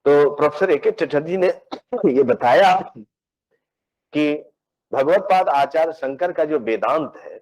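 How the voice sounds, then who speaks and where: Man giving a measured philosophy lecture. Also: a little high, lively intonation, a little mellow, low-quality recording. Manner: measured and explanatory, often repeating words while searching for phrasing; mixes English technical terms into his speech. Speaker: philosophy professor. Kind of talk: academic lecture.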